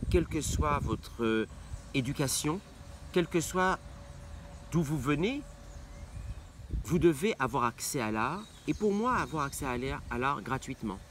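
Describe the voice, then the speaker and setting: A middle-aged opera singer from Martinique answers interview questions passionately, repeating phrases for emphasis. His voice is medium-pitched with a fairly bright tone, and faint background noise can be heard.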